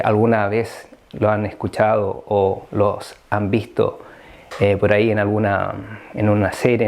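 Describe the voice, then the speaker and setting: A man with a Chilean Spanish accent teaching an English grammar lesson, explaining slowly with frequent fillers. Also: mid-range voice, darkish tone.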